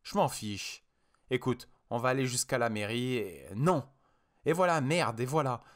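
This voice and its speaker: A man voicing a frightened, insistent young wife in an audiobook, pleading and sharp. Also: mid-range voice, lively intonation, unhurried, natural voice. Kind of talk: audiobook character voice.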